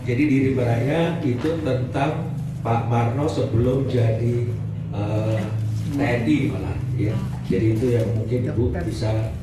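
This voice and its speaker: A man's voice: medium pitch, a little slow, distant mic, music in the background. A man coordinating a family discussion, speaking hesitantly with fillers. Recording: echoey room with loud noise.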